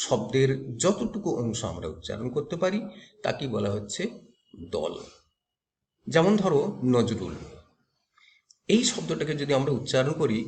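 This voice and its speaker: A male teacher giving a grammar lecture to students, explaining step by step, repeating key terms and asking questions to the class. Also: medium pitch.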